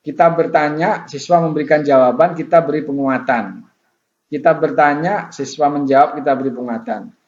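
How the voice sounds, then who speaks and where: A man's voice: on the high side, fairly even intonation, moderate pace, a little mellow. A man giving an online tutorial lecture as a university tutor, explaining casually with many fillers and repetitions. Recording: roomy, dull sound with faint noise.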